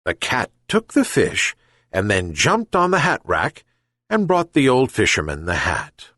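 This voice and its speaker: A man's voice: dry recording, clean studio sound. A man reading a children's fable aloud as a narrator. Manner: slow, gentle, very lively pitch. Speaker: reader. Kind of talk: storybook narration.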